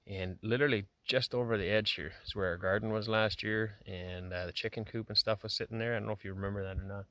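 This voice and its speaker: A man's voice: on the low side, steady tone, fast, few pauses, a bit bright, no echo. Chatty man vlogging around his farm. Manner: chatty, rambling with many "uh" fillers. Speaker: homesteader vlogger. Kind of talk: casual vlog to camera. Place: outdoors on a farm, then indoors in a house. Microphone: handheld camera.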